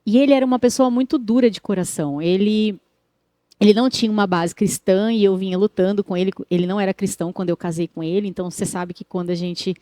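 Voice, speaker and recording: A woman physician telling her faith testimony as a guest in a TV studio interview, in a lively storytelling manner that acts out the dialogue. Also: medium pitch, fast, dry recording.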